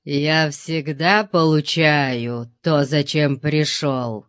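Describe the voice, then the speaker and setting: A man voicing a brutal, thick-necked guard who growls slow, loud threats. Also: a little high, fairly even intonation, clean tone, no echo, clean studio sound. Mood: menacing.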